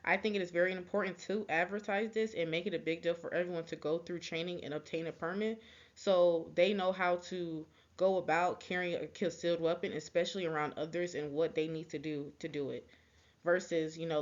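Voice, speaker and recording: A young woman delivers a persuasive speech for a class in a lowish voice. She stumbles often, with ums, false starts and quick apologies. The recording is slightly muffled. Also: fairly even intonation. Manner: halting, with frequent ums, restarts and apologies. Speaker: student giving a class speech.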